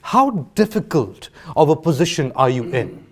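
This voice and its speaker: A man's voice: on the high side, big pitch swings, moderate pace. A man asking probing questions as a news interviewer, in a direct, pressing way.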